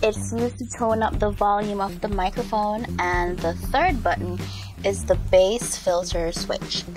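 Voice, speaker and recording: A woman vlogger chats her way through unboxing and testing a microphone at home, with plenty of fillers and questions for her viewers. Her voice sits at a middle pitch, and music plays clearly behind her. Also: unhurried, rough recording. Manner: chatty, filler-heavy, asks viewers for feedback. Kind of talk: casual unboxing and mic test. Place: indoor room with a fan. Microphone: camera mic and clip-on mic, changing distance.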